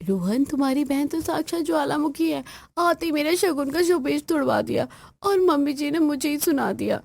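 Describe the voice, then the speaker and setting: Brief: a woman playing a young new daughter-in-law for an acted family story, polite, pleading, high and bright, with dry, close sound. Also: animated, normal speed, gravelly, dry recording. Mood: polite exasperated.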